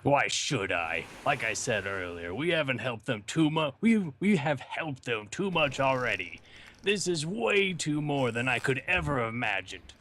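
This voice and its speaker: A proud, surly pirate woman who scoffs at charity, as a man puts her on during a story game. Her delivery is gruff and scornful, with faint noise behind it. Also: medium pitch, big pitch swings, measured pace, a bit bright. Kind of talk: let's play voice reading.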